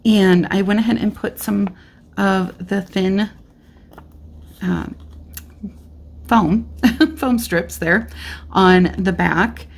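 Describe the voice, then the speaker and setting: Hosting a casual card-making tutorial at an indoor craft desk, a woman chats and thinks aloud as she works, her voice slightly going. She speaks extremely slowly in a mid-range voice with vocal fry and frequent pauses. An overhead camera shows only her hands on the craft mat.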